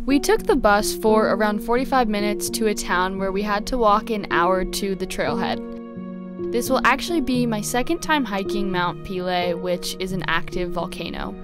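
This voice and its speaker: A young woman narrating a travel vlog in a calm, informative voice-over. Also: medium pitch, normal speed, over music. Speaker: vlogger narrating.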